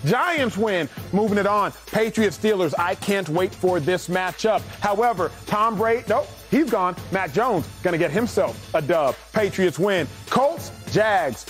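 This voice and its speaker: A man hosting a sports talk show, firing off punchy, quick declarations in an energetic debate style. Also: high-pitched, faint music behind. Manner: rapid-fire, punchy declarations.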